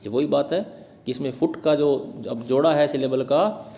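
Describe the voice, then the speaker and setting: A male teacher lecturing in Hindi on English poetry, asking questions and answering them himself, and reading English lines slowly word by word. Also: a little high, vocal fry, dark tone, big-room sound.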